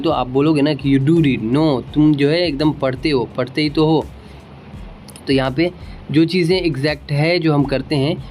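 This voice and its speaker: A man with an Indian accent teaching English grammar in a casual spoken lesson, patiently explaining and repeating example sentences slowly. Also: on the high side, a little mellow.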